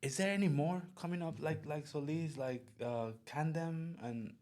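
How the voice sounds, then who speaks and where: A man's voice: on the high side, darkish tone. Venezuelan-accented host, man, eager, restarts words often. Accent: Venezuelan Spanish. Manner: enthusiastic, halting, repeats words. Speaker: podcast host. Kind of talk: casual interview chat.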